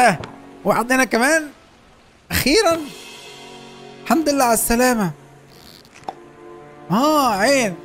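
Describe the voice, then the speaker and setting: Excitable young Egyptian gamer. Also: male voice, sits high. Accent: Egyptian Arabic. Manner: excitable, joking, urging his character on. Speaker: gaming YouTuber. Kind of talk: Let's Play commentary.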